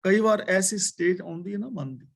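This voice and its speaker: A man leads a daily scripture class. He chants each verse slowly and then explains it word by word in a teaching tone. His voice sits a little high for a man. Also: vocal fry.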